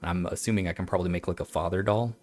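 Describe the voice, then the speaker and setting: A man streaming a game, chatting and reading old-style text aloud in a halting, stumbling way, laughing at himself. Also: deep voice, steady tone, soft background music. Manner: self-mocking, laughs often. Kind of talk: let's-play commentary with reading aloud.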